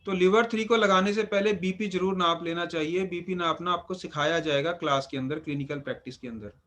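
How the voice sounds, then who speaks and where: Man lecturing, high pitch, instructive, repeats himself for emphasis. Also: a little fast, a bit bright. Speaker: acupuncture teacher. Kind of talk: live class lecture.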